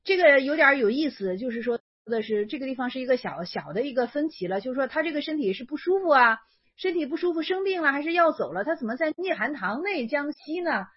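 A woman's voice: sits high, lively intonation, fast, highs cut off. A woman explaining an old Chan koan in a casual lecture, thinking aloud and correcting herself as she goes. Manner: thinking aloud, self-correcting, many fillers.

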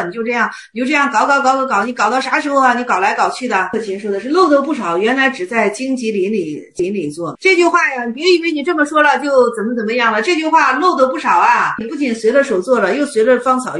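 A woman teaching on Zen Buddhist texts in a colloquial, lively explaining manner. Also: fairly high pitch, echoey room.

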